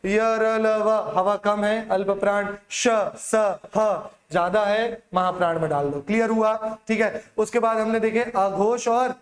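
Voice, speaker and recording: A man's voice: high-pitched, unhurried, few pauses, reverberant. A male Hindi teacher giving an exam-prep lecture, drilling students by asking questions and answering them himself.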